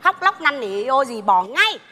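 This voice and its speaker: A woman's voice: high voice, very animated, a little slow, bright, forceful tone, exaggerated voice. A woman playing a bossy, snobbish mother-in-law in a stage comedy sketch, mocking and scolding. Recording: live stage mic, reverberant theatre with audience.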